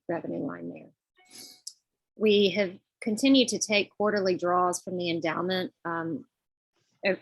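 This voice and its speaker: Female committee presenter, slightly low pitch, dry close sound, polite, halting, informal delivery. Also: no echo, poor audio. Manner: polite, informal, hesitant with frequent pauses. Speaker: finance committee treasurer presenting budget report. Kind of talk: semi-formal financial presentation on a group call.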